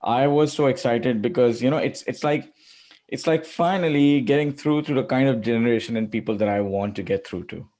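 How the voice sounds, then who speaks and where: A man's voice: medium pitch, fairly quick, a little mellow. A middle-aged man hosting an interview, talking with enthusiasm and rambling through many filler phrases. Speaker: podcast host. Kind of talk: casual interview chat.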